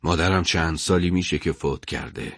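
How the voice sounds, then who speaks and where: A calm, unshaken political prisoner answering back, as a man voices him in a radio story. His voice sits fairly low and stays even. The sound is dry and close. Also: dry recording. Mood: calm, defiant.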